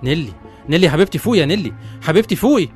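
A man's voice: medium pitch, expressive, racing, soft background music, close to an everyday voice. A man with an Egyptian Arabic accent acting a teasing, caring young husband in an audio drama. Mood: soothing. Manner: joking, then soothing.

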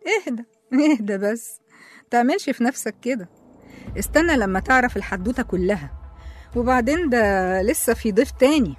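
A woman with an Egyptian accent playing a cunning young woman who calmly taunts her rival. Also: fairly high pitch, fairly quick, long pauses, lightly acted. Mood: gloating, calm. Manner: calm, taunting, in control. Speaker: office colleague. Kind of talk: radio drama acting.

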